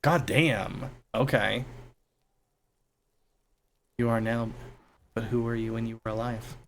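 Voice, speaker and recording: A man's voice: medium pitch, fairly even intonation, slow, a little hiss or hum. A man playing a game, reading dialogue aloud and commenting casually.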